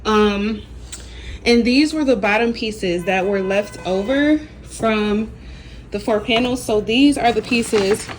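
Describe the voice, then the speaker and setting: A woman's voice: medium pitch, takes it slowly, slight background noise. A woman casually talking viewers through a home decorating project, upbeat and chatty, recorded on a phone camera indoors. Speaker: home vlogger. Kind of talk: casual vlog walkthrough. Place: apartment living room, indoors.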